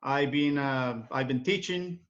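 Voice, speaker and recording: Heard over dull lo-fi call audio, this Ecuadorian English teacher, middle-aged and a native Spanish speaker with a Spanish accent, reflects and explains while answering a casual interview's questions. He speaks at a medium pitch and a measured pace, slightly bright.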